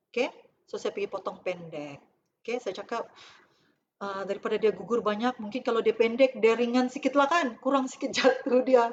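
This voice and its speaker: A middle-aged woman with a Malaysian accent tells her own story as a cancer survivor, in a chatty, conversational way full of fillers. Her voice sits a little high. The recording is slightly dull and muffled, with a faint hiss behind her. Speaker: cancer survivor giving a testimonial. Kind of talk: personal testimonial talk over photos.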